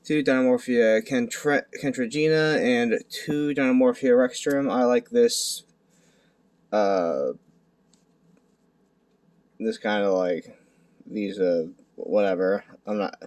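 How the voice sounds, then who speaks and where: At home at night, a young man with a mid-range voice speaks quietly and in a hushed tone as an amateur video creator profiling a card deck. The talk is casual and unscripted, halting and self-deprecating, and he stumbles over words.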